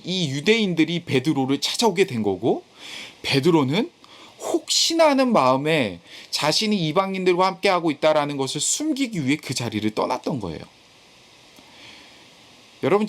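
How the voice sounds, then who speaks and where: A man delivers a sermon to a youth group, speaking in a slightly high voice. He is earnest and direct, pressing his points home with emphatic bursts. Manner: earnest, rising to emphatic when voicing scripture and rebuke. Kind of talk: sermon over live video call.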